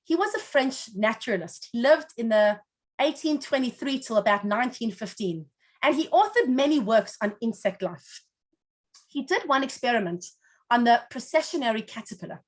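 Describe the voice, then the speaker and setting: A woman teaching a class, telling a parable in an expressive storyteller's way with dramatic pauses. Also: a little high. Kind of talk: storytelling lesson.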